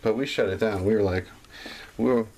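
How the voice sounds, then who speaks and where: A man's voice: fairly low pitch, fast, a little mellow. A man co-hosting a casual chat, telling rambling stories full of restarts and fillers and laughing along. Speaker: podcast co-host and gigging musician. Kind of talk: casual conversational storytelling.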